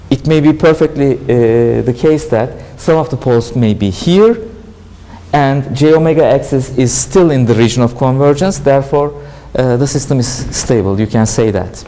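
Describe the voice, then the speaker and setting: A university lecturer with a Turkish accent, a native Turkish speaker, giving a classroom lecture and often asking questions, then answering them himself. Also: male voice, medium pitch, mellow, rough recording. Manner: explanatory, asks and answers his own questions. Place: lecture hall.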